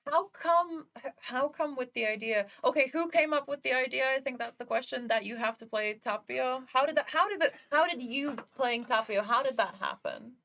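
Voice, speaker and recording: A woman's voice: sits high, moderate pace, vocal fry, hardly any pauses, fairly bright tone. A woman hosting a live interview stream, upbeat and laughing often. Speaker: stream host.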